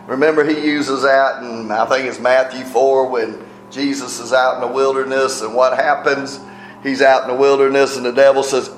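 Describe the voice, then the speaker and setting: Male pastor preaching in an echoey room. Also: medium pitch. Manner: conversational, rhetorical questions, frequent "right?". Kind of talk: sermon.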